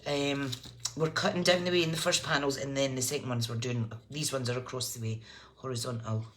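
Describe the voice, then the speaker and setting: A woman's voice: rumbling low, fairly even intonation, a little fast, a bit bright. A woman with a broad Scottish accent hosting a casual live craft tutorial, chatting informally and thinking aloud as she works. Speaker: crafting livestream host. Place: indoors at a craft table. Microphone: phone above the desk. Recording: clear background noise, clicks of handling.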